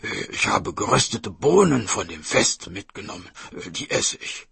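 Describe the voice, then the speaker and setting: A sly, hungry storybook tiger that wheedles and stalls when caught out, as a man puts it on. The voice sits low with a gravelly, husky grain. It has a bright, pushed edge and swings widely in pitch. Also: big pitch swings, moderate pace, no echo, exaggerated voice. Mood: flustered. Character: cunning hungry tiger posing as a mother.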